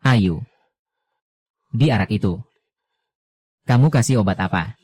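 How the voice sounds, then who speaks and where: A man's voice: on the low side, lively intonation, unhurried, a little mellow. A man voicing a weak, deceitful young noble husband in a plain, subdued tone. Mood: bewildered.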